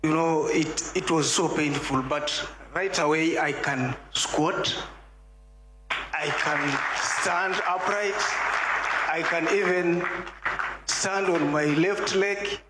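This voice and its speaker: A man slowly giving a church testimony to the congregation, deliberate and growing joyful. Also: a little high. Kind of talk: slow spoken testimony to a congregation. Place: large echoing church hall. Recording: echoey church hall with crowd noise.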